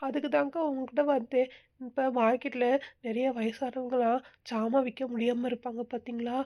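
Lady doing a whiny stubborn young wife, high and kinda gravelly, talk, dull lo-fi recording. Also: flat delivery, normal speed. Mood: explaining. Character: young married woman, weepy, stubborn and proud. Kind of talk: home-made comic skit.

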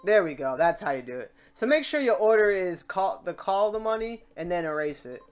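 Over a screen recording, a tutorial host with a mid-range voice walks through each step of the software, thinking aloud and rambling a bit in an unscripted, informal way. The tone is clean, and the delivery is brisk and animated.

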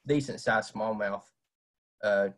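A young man from Southwest Virginia gives a casual fishing talk over a webcam on a video call, his voice on the low side and slow. He's plain-spoken and fills his speech with lots of "uh"s.

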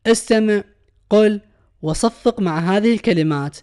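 A man's voice: sits high, moderate pace, a little mellow, clean tone. A male English teacher with an Iraqi Arabic accent, patiently explaining a lesson and repeating each word with its translation. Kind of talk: recorded classroom lesson explanation.

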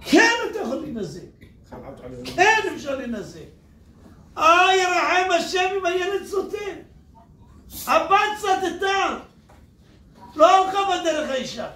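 A man who is a rabbi, giving an animated Torah sermon to an audience and breaking into emphatic shouts. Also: extremely high pitch. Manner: animated, addresses listeners as "my teachers and rabbis", bursts into emphatic shouts. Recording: echoey room, distant mic, faint noise.

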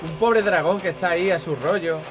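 A young gaming channel host with a Spain Spanish accent rambles through casual gameplay commentary, swearing often and talking to his viewers over game music. His voice sits high and he speaks briskly.

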